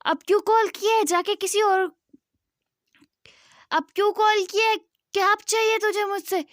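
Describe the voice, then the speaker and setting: A woman voicing an angry young man who scolds and yells at an old friend, in a storybook retelling. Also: extremely high pitch, steady tone, moderate pace, no echo, clean studio sound, pitched above the performer's own voice. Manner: scolding, yelling.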